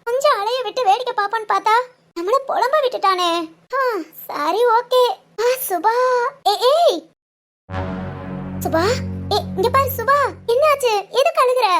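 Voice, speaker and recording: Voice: very high-pitched, expressive, unhurried, pauses often, fairly bright tone, faint music behind, heavily acted. A performer voicing a playful, teasing young village woman in a cartoon. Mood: worried. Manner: teasing, chatty. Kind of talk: Tamil cartoon voice acting.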